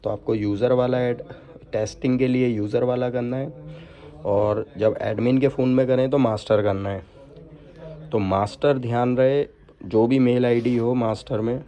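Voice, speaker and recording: This Indian man demonstrates a product installation, explaining step by step without a script and sprinkling English technical vocabulary throughout. He has a mellow, mid-range voice.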